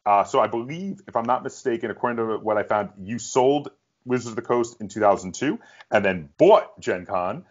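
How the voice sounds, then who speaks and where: A middle-aged podcast host with a medium-pitched voice and moderate pace runs a casual interview, coming across as a fan of the subject. The sound is dull and lo-fi.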